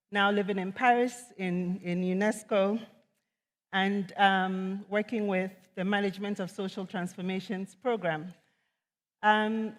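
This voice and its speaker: Woman speaking in a reverberant hall. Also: mid-range voice. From Ghana. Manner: measured, earnest, with frequent ums. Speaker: economist and conference speaker. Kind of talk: conference talk. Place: large conference hall.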